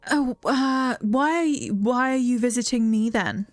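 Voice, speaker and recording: A woman voicing a young fortune-teller witch in a video game, reading the dialogue softly and earnestly. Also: fairly high pitch, slow pace, dry recording, voice pushed up. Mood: surprised.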